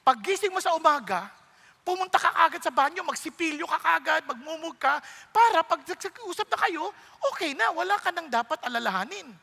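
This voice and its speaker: A man voicing a kindly older mother who calmly gives simple advice, speaking a bit lower than his own voice. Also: brisk, gravelly, exaggerated voice. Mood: reassuring. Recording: long reverb of a large hall.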